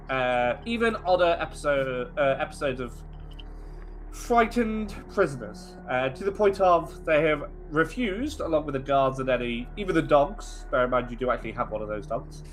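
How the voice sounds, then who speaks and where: Lively-pitched man running a tabletop game. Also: slight background noise. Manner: animated, storytelling, chatty asides to players. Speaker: game master.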